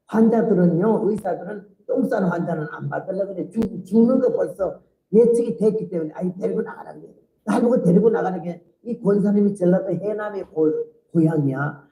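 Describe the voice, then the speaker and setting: An older woman missionary preacher telling her life story in a sermon, animated and vivid, often laughing. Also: mid-range voice, reverberant, low-quality recording. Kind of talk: sermon testimony.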